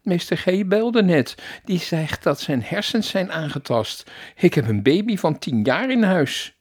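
A fretful middle-aged mother who wails and fusses in a storybook tale, as a male reader puts her on. Her voice climbs high and swings widely, with a husky grain underneath. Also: animated, moderate pace, mellow. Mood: wailing. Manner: wailing, fussing, exclamatory.

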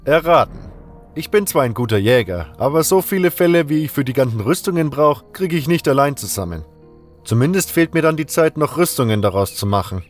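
Wolf, a calm friendly young hunter, as a man voices him. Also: a little high, fairly quick, soft background music, voice pushed up, lightly acted. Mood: easygoing. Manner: calm, easygoing, matter-of-fact.

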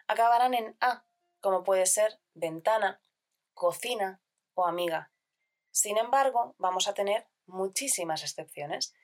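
Woman calmly teaching grammar. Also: mid-range voice. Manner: clear, measured explanation with listed examples. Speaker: Spanish teacher. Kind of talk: scripted grammar lesson.

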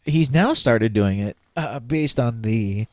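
A man's voice: mid-range voice, lively intonation, slow, a little mellow, no echo. A man co-hosting a casual fitness podcast, playful and hesitant, with lots of fillers and the hiccups. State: has the hiccups. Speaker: podcast co-host. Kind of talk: casual chat.

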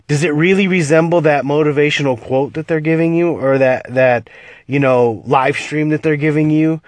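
A man's voice: mid-range voice, dry recording. A man with a stuffy, nasal voice from a cold, talking earnestly to his viewers in a casual vlog and repeating himself as he warns them. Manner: earnest, cautionary, repeats words and restarts.

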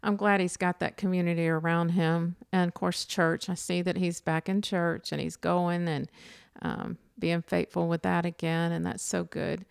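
A woman's voice: on the low side, little pitch movement, vocal fry, clean tone, dry recording, clean studio sound. A woman hosting an interview, affirming her guest often and voicing agreement. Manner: warm, affirming, quick to agree. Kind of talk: casual interview talk.

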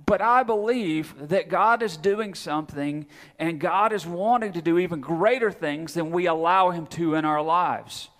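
A man's voice: a little high, measured pace, a bit bright. A man preaching a sermon to his congregation, asking questions and repeating phrases for emphasis. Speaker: pastor. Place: church hall. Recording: long hall reverb.

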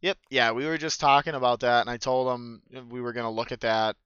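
Man, dungeon master, casual rambling storytelling, bright crisp voice, dry close sound, slightly dull lo-fi. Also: medium pitch, brisk, no echo. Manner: rambling, swears freely, fillers.

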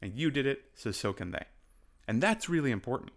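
A man's voice: medium pitch, big pitch swings, brisk. Casting note: male fitness coach with a mid-range voice, emphatic motivational delivery. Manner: passionate, emphatic, repeats for stress; moves about while talking. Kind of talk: motivational talk to camera.

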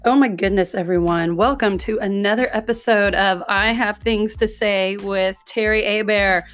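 A woman in her forties hosting her own podcast, chatting casually and directly to her listeners with a hoarse, scratchy voice from a recent illness. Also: medium pitch, steady tone, moderate pace, soft background music. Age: 40s. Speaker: podcast host. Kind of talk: casual solo podcast monologue.

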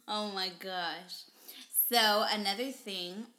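A woman's voice: mid-range voice, drawn-out words, pushed and bright. A woman chatting casually with her husband for their vlog, chatty and giggly, rambling a little. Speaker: wife in a couple's vlog. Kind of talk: casual chat.

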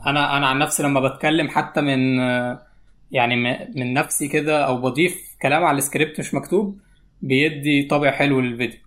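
Fast-talking Egyptian man in natural unscripted talk. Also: mid-range voice, steady tone, a bit bright. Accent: Egyptian Arabic. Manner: explains step by step in detail. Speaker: interview guest, YouTube animator.

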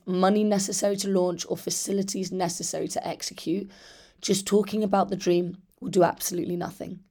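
Hoarse British woman, lowish voice. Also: darkish tone. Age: 30s. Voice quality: hoarse, rusty, partly lost voice. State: hoarse after losing voice. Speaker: podcast host. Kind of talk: casual solo podcast talk.

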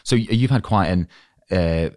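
Guy hosting a podcast, pretty deep voice, chatty interview style, very dry sound. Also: normal speed, a little mellow, no room sound. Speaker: podcast host.

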